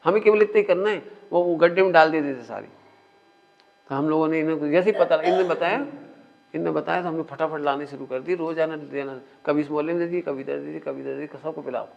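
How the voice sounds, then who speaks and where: A man's voice: on the high side, fast talker, vocal fry, slight background noise. A man teaching a spiritual discourse in a conversational way, often asking his listeners questions. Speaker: religious teacher. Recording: muffled lo-fi recording.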